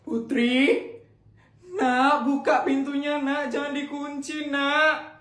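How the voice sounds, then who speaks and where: A performer doing a high, fussy rich mother. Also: little pitch movement, slow pace, fairly bright tone. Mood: worried. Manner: high, agitated and bossy. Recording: roomy with music behind.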